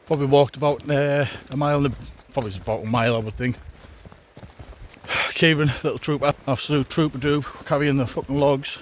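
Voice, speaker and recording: A man's voice: mid-range voice, fairly even intonation, brisk. A man casually vlogging on a hike outdoors, talking in a laid-back, wry way. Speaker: hiking vlogger. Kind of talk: casual chat to camera while hiking. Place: outdoors on a wet, windy hiking trail. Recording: noisy, windy outdoor walking recording.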